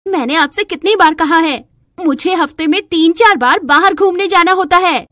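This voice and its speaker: A woman's voice: extremely high pitch, normal speed, fairly bright tone, no echo, studio quality, pitched above the performer's own voice. A woman voicing a spoiled, stubborn young bride who whines and demands. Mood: angry. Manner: whiny and demanding.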